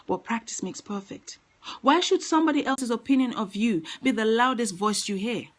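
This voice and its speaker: A woman with a fairly high voice gives an earnest motivational talk. She speaks with emphasis and comes back to her main lines again and again to drive them home. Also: expressive, moderate pace, low-quality recording. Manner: earnest, emphatic, repeats key phrases.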